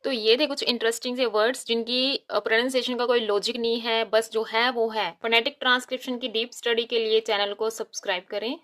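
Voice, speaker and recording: A woman's voice: on the high side, fairly even intonation, fairly quick, hardly any pauses, fairly bright tone. A woman teaching English pronunciation in a short lesson, wry and mock-exasperated about odd spellings. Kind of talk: short lesson explaining words. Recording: music playing behind.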